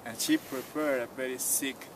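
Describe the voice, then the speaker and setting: A Quechua-speaking tour guide from rural Cusco, Peru, tells a story outdoors at a mountain site as part of a casual interview. He talks at normal speed in a medium pitch, easygoing and plainly worded, often adding "you know." There's background noise, with loud ambience caught by a distant outdoor mic.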